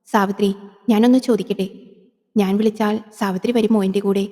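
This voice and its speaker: A woman's voice: medium pitch, steady tone, normal speed, mellow, big-room sound, natural voice. A woman voicing a timid, simple-hearted male village servant in a horror audio drama, who speaks fearfully and hesitantly.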